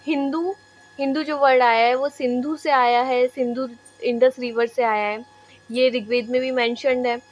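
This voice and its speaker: High-pitched lady teacher drilling facts, repeats everything, keeps asking "right?", mixes in english words. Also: steady tone, moderate pace. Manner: repetitive, checks in with "है ना"; mixes English terms into Hindi. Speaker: exam-prep teacher. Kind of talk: classroom lecture.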